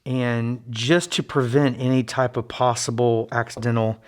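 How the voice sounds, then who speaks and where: A man narrating a casual hands-on build vlog in a halting, low-key, modest way, his voice slightly muffled by a face mask. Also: steady tone, smooth. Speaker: hobbyist knife maker and video host. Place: friend's basement workshop.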